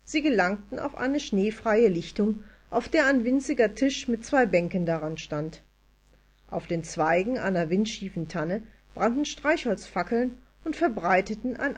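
A woman narrates a storybook with lively, expressive delivery. Her reading is clear and engaged, in an ordinary pitch for a woman. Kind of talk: audiobook storytelling.

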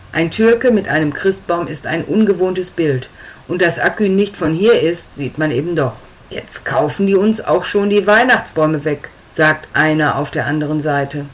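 A woman narrating a story in a calm, even reading voice. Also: low-pitched, poor audio.

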